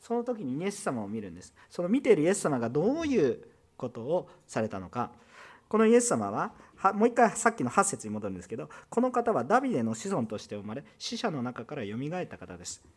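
A man's voice: a little high, huge pitch swings, quick pace, husky. A man pastor with a Kansai Japanese accent, giving a sermon in a conversational style with asides and rhetorical questions. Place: church.

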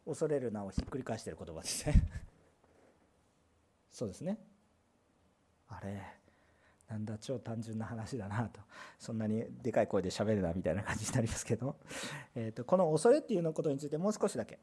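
Pastor mid-sermon: animated and emphatic, pitch rising and falling widely, loud bursts and rhetorical questions. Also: fairly quick, pauses often, breathy edge.

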